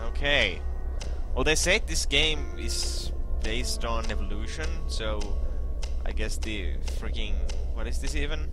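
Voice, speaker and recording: A man's voice: medium pitch, measured pace. A young man giving casual, rambling let's play commentary, sarcastic and swearing as he plays. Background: loud game music.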